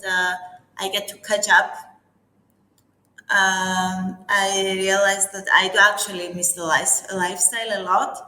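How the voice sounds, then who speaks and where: A woman's voice: mid-range voice, sharp tone, reverberant, rough recording. A woman from Cyprus, an architect guest in an interview, talking candidly and chattily with fillers. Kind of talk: casual interview conversation.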